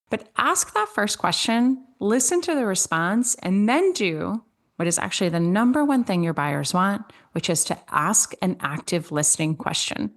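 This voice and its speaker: A woman from Switzerland, middle-aged, hosting a podcast with an upbeat, coaching energy. Her voice sits at an ordinary pitch for a woman but leaps up on the words she wants to land, so each point gets its own emphatic push. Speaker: podcast host. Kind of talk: podcast host recap and listener Q&A.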